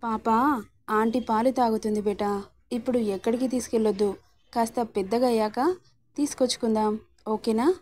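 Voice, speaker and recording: A woman voicing a gentle young husband and father in a read-aloud story, speaking in a soft, coaxing, reassuring way. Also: a little high, fairly even intonation, moderate pace, pauses often, a little hiss or hum, lightly acted. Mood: tender.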